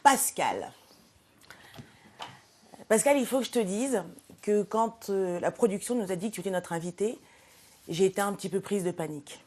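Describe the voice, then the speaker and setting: A woman who regularly presents portraits on the show delivers a comic scripted tribute to a guest, playful, theatrical and self-mocking. Her mid-range voice is mellow and animated, at normal speed with frequent pauses.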